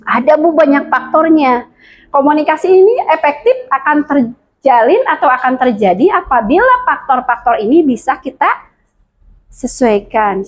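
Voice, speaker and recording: A woman's voice: high-pitched, rough recording. A woman with a Sundanese accent giving a lecture to a class of mothers, often asking them questions. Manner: lively, addresses the class with frequent questions. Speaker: teacher at a women's school.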